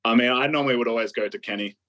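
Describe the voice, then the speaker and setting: A man's voice: mid-range voice, racing, bright, forceful tone, muffled recording. A man chatting casually as a podcast guest, with slangy, laid-back phrasing. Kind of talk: casual chat.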